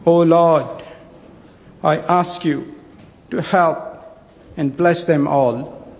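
A middle-aged man reading a translation and offering a prayer in a measured, solemn manner at a stand microphone in a large parliament chamber. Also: a little high, steady tone. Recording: long reverb of a large hall.

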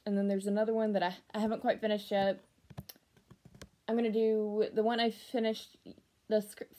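A young adult woman giving a casual vlog update to camera, speaking haltingly and often trailing off. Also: medium pitch, mellow, slight background noise. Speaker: vlogger. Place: small room at home, indoors.

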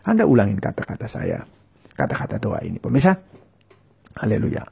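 A man's voice: on the low side, very animated, a little fast, creaky, dark tone, husky. A man preaching and leading viewers in a fervent prayer, giving short lines for them to repeat. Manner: speaks in tongues.

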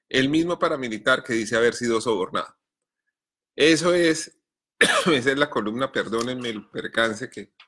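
A man, reading his news column in a measured, deliberate way, then answering viewer questions between coughing fits. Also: mid-range voice, bright, forceful tone. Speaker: journalist columnist.

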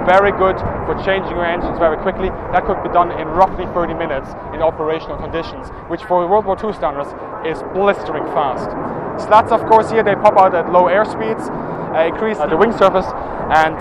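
Casual male host in his 30s, pointing things out on a walkaround, air show noise all around. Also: on the high side. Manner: informative, brisk, pointing out details. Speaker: military history presenter. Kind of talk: walkaround tour explanation. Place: outdoor airfield at an air show.

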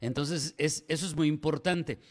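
A man's voice: a little high, normal speed. A Mexican man in his forties hosting a morning radio interview from a small studio, asking long, winding questions. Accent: Mexican Spanish. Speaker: radio news host. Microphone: studio mic on stand.

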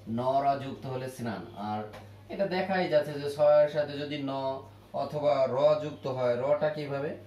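A man teaching a grammar lesson at a board, repeating each word slowly to drill how it is pronounced. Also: mid-range voice, warm tone, dull audio. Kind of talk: classroom grammar lesson at a whiteboard. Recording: echoey room with faint ambient noise.

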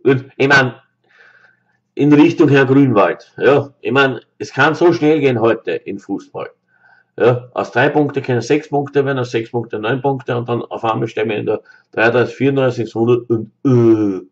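A man's voice: mid-range voice, moderate pace. A man in his thirties with a Viennese accent, giving an emphatic opinion monologue to camera as a football fan, repeating his points with many fillers. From Austria. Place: small room indoors. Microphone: webcam close up. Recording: dull lo-fi webcam audio.

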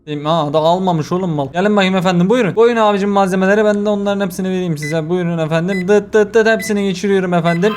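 A man's voice: high voice, fast talker, few pauses, a little mellow, slight background noise. A young man hosting a casual let's-play video, joking and exasperated as he talks to himself. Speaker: gaming video host.

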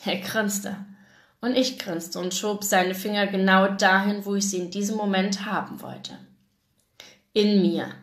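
Woman, German accent, mid-pitched, reads romance aloud with feeling; roomy echo. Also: measured pace. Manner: expressive first-person reading with acted dialogue. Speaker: reader of a novel. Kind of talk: live reading of a romance novel. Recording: echoey room.

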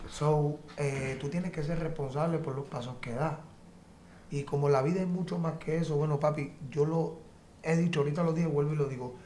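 A guest artist in a casual interview offers heartfelt advice in a slightly high, steady, mellow male voice at a brisk pace. The audio is reverberant with a bit of hiss or hum, and he speaks emphatically, repeating his points and peppering them with "brother" and "¿entiendes?".

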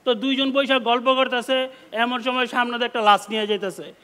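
Bright high-voiced comedian in a hall. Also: male voice, steady tone, a little fast, clear, resonant tone. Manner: storytelling jokes in village dialect. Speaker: guest comedian. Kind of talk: stand-up joke telling.

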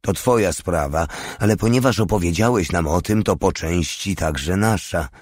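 A man reading aloud voices a hardened legionnaire, calm and coldly practical. The voice is low, in a dry, close recording. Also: moderate pace, no echo. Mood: cool. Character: cool, hardened male legionnaire.

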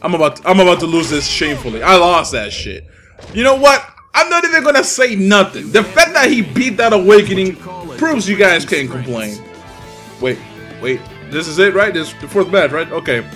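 With game music in the background, a young Dominican man who makes gaming videos on YouTube narrates his own online match live, full of casual profanity and trash talk. His high, sing-song voice is bright and forceful and moves at a normal speed.

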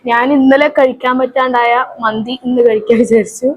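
High-pitched Kerala woman vlogger. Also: steady tone, a little fast, dull audio. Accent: Kerala Malayalam. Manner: chatty, addresses viewers and companions directly. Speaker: vlog host. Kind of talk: casual chatty vlogging.

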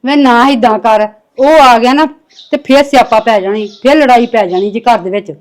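A woman acting as a middle-aged mother who pleads anxiously to stop her sons from fighting. Her voice sits high, and she talks in a worried, coaxing way. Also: normal speed, natural voice. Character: worried mother keeping the peace. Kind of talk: Punjabi family drama acting.

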